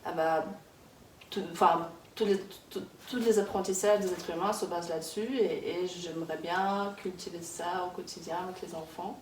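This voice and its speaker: A woman in her thirties from Kazakhstan talks casually in an interview, pausing often and restarting her sentences. Her voice sits a little low. The sound is roomy and distant, with faint noise behind her. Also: steady tone, darkish tone. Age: 30s. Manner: hesitant, many fillers and restarts. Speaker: interviewee, early childhood worker. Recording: echoey room, distant mic, background noise.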